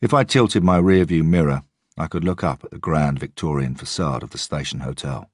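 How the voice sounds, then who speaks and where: A man narrating a first-person audiobook in a measured, steady way. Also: extremely low pitch, breathy edge, dry recording, clean studio sound.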